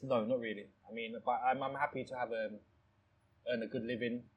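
A man's voice: medium pitch, fairly even intonation, fairly quick, slightly rough, muffled recording. A man from Thailand who owns a restaurant, talking in a casual interview with many restarts and "you know"s. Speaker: restaurant owner. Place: his restaurant, indoors.

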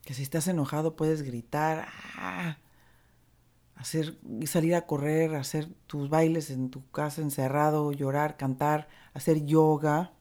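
A woman with a Mexican accent giving a reflective motivational talk on recovery, candid and earthy, mixing gentle encouragement with casual swearing. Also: low voice, steady tone, measured pace, hardly any pauses. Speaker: recovery speaker.

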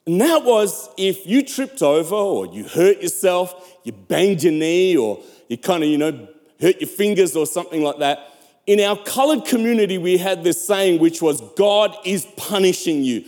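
A man's voice: sits high, lively intonation, moderate pace, darkish tone, faint music behind. A man from South Africa preaching a sermon as pastor, emphatic, repeating and stretching key words and urging his listeners on. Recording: long hall reverb.

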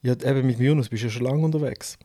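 A man's voice: mid-range voice, very fast, warm tone. A man in his thirties with a Swiss German accent, hosting a podcast with friendly, easygoing questions. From Switzerland. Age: 30s. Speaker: podcast host. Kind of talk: casual podcast interview.

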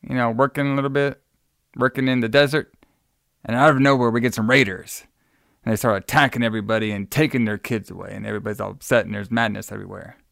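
A man's voice: medium pitch, vocal fry, fairly bright tone, smooth, no echo, clean studio sound. A man hosting a casual film review chat, telling things in a loose, jokey way. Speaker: podcast host.

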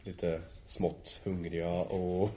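Deep-voiced man telling a hunting tale. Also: flat delivery, warm tone. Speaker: hunter telling stories. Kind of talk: casual anecdote-telling.

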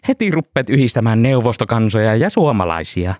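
A man voicing a cheerful, chatty Finnish man with an eastern Finnish dialect, in a raised, excited voice. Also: medium pitch, no echo, clean studio sound, voice pushed up, natural voice.

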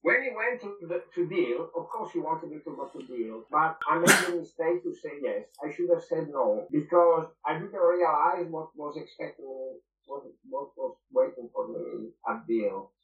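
A man's voice: on the high side, expressive, moderate pace, creaky, few pauses, distant mic. A non-native English-speaking man, a former goalkeeper, looks back on his playing days in an interview. He is emphatic and repeats key phrases. His voice sits back from the mic in a roomy space, with a slightly dull tone. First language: not English. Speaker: former football goalkeeper, guest. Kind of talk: reminiscing interview.

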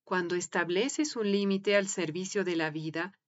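A woman reads a written piece aloud in a calm, measured way. Her voice sits a little low and stays gentle and unhurried. The recording sounds dull and lo-fi. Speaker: reader of translated articles. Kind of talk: calm scripted reading.

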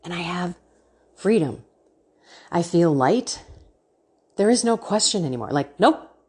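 A woman's voice: fairly low pitch, expressive, unhurried, darkish tone, breathy edge. A woman hosting a faith podcast, talking earnestly and animatedly, laughing often as she speaks to her listeners. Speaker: podcast host.

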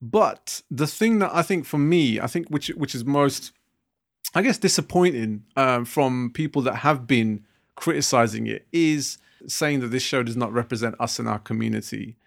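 Co-hosting a relaxed podcast chat, this young man from Britain talks at normal speed in a gravelly, medium-pitched voice. He thinks out loud, looping back often with restarts and fillers.

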